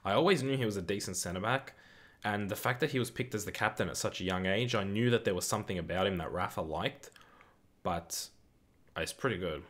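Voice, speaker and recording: A man with a fairly low voice hosts a live football watch-along stream. He talks casually, answers viewers' comments and reacts loudly to the play. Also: fairly quick.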